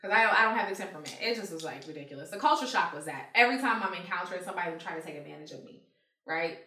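A woman telling lively stories in casual chat, acting out heated quotes and swearing freely. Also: fairly low pitch, racing, distant mic, slight background noise. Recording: echoey room, voice from off-mic.

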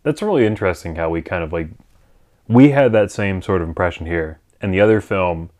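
A man's voice: low-pitched, a little fast, a little mellow. A man co-hosting a casual movie review chat, blunt and swearing freely. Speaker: podcast co-host.

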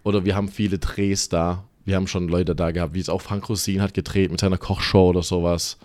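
A man in his thirties from southwest Germany, a podcast guest chatting casually and telling lively stories with English words mixed in. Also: low voice, fast, no echo. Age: 30s. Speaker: podcast guest, gym staffer. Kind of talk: casual chat.

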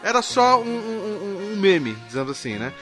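A man co-hosts a relaxed podcast. His voice sits high, and he tells a story eagerly over clearly audible music. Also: normal speed. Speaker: podcast co-host. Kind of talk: casual podcast chat.

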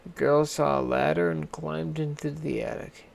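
A man reading a children's fairy tale aloud in a gentle, deliberate manner. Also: a little high, lively intonation, creaky. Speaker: storyteller.

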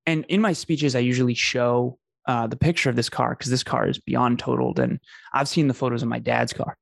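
A man's voice: mid-range voice, steady tone, fairly quick, gravelly, dry recording, clean studio sound. A man, telling his life story in an earnest, emphatic conversational way. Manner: earnest, emphatic, repeats phrases for effect. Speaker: podcast host telling his story as a guest.

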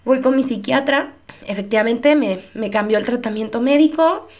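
High-voiced young woman testifying. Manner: earnest, emotional storytelling with pauses and soft laughs. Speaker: speaker giving a faith testimony. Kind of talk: personal testimony.

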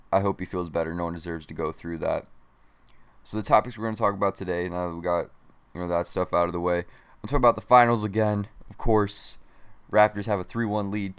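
Deep, rambling young male sports podcaster. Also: smooth. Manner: rambling, self-deprecating, admits a monotone voice. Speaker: podcast host. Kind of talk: casual sports podcast monologue.

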